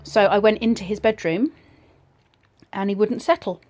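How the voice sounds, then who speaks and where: A woman casually telling a personal ghost story in a reflective, slightly hesitant way, pausing between short phrases. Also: medium pitch, darkish tone.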